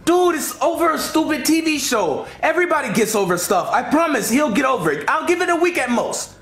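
A man's voice: extremely high pitch, very animated, fairly quick, a bit bright, reverberant, exaggerated voice. A man voicing a blunt, exasperated household chef who scolds his way through a comedy skit. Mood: fed up. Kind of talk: comedy skit character acting.

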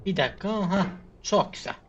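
A man's voice: sits high, expressive, a little fast. A man giving frustrated gameplay commentary, muttering to himself, sighing and cursing at the game. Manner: exasperated, muttering to himself, swearing and sighing prayers. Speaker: gamer. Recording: slightly muffled with faint hiss.

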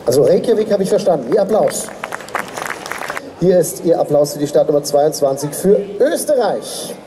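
A man's voice: a little high, sing-song, normal speed, background noise. A man hosting a pageant on an outdoor stage with a handheld mic, chatty and telling anecdotes to the audience. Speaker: pageant host.

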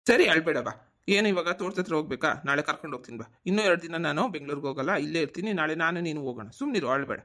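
A man's voice: fairly high pitch, expressive, racing, sharp tone. A man voicing an affectionate village father home from the city, coaxing and fatherly. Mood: soothing. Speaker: cartoon voice actor. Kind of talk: cartoon voice acting.

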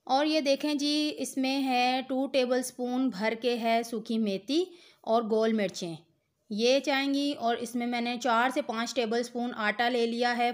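Patient woman narrating a home recipe. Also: a little high. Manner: patient, instructive, addresses viewer directly. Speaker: cooking channel host. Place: home kitchen.

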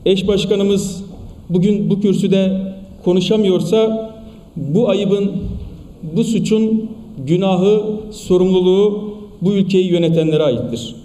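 A male politician giving an emphatic, rhetorical speech at a podium microphone to a party meeting, with repeated phrases and pauses. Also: high-pitched, mellow. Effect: speaking at a podium microphone in a large hall. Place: large meeting hall in parliament. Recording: echoey hall, distant mic.

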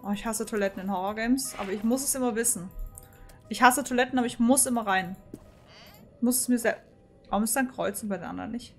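A fairly high-voiced woman streams a horror game live, nervous and jumpy, chatting to her viewers between scared outbursts. Soft game music plays faintly behind her desk mic. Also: fast. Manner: jittery, talks to chat, frightened outbursts.

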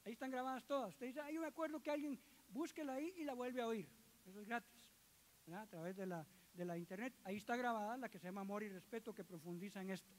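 A man's voice: very high-pitched, fast, slight background noise. A middle-aged man, preaching a sermon to his congregation as a church elder, joking with the listeners and acting out quoted voices.

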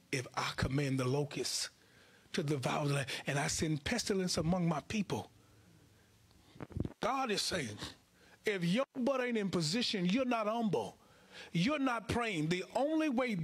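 A middle-aged American preacher from Chicago and Houston delivers an emphatic, colloquial sermon to a congregation, repeating phrases as he speaks into a handheld microphone at a lectern on an indoor church stage. His voice sits high and sounds husky.

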